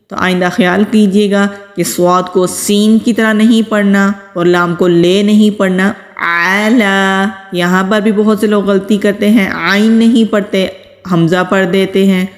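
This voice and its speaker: A woman giving a recitation lesson, patiently explaining pronunciation rules step by step and reciting words slowly. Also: medium pitch, a little mellow, in a large hall. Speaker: Quran recitation teacher.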